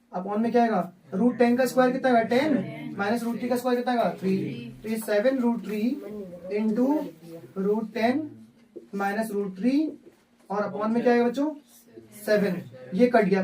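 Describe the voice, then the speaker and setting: A man's voice: very high-pitched, darkish tone. A male maths teacher giving a live lesson in a classroom, walking through each step aloud and repeatedly quizzing his students. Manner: repeats steps, asks class questions. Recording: distant from mic.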